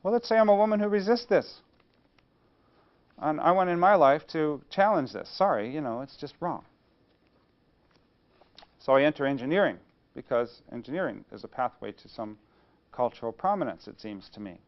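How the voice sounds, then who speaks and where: A man's voice: a little high, animated, normal speed, long pauses, lo-fi sound. A man giving a university lecture on engineering, posing questions and answering them himself. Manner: rhetorical, poses questions then answers them.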